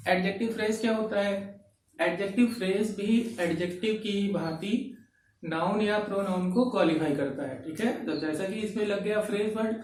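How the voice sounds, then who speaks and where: High-voiced man teaching in an echoey room. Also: recorded from a distance. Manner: slow and repetitive, says "ठीक है" constantly and dictates example sentences word by word. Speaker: English grammar teacher. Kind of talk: classroom-style grammar lesson. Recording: very echoey room, voice from off-mic, faint noise.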